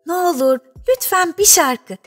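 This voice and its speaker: Curious young girl, eager and wondering, light high voice, woman reading. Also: normal speed, soft background music.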